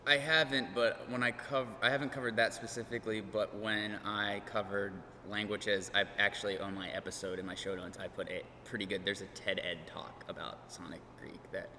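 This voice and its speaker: On a conference panel in a big hall, a man who hosts a podcast talks in a casual, chatty, self-deprecating way. His lowish voice stays level, running a bit fast with hardly any pauses, amid hall reverb and faint room noise.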